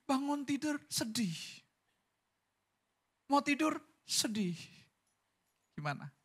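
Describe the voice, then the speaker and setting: A man's voice: very high-pitched, sing-song, takes it slowly. A man preaching a sermon as pastor, casual and joking, often throwing rhetorical questions at the congregation.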